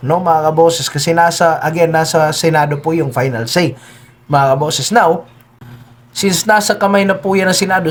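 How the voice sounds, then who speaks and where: A man giving solo political commentary, speaking politely, with frequent hesitations, and often turning to his listeners with tag questions. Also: on the high side. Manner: keeps addressing listeners, tags lines with "no?" and "di ba?".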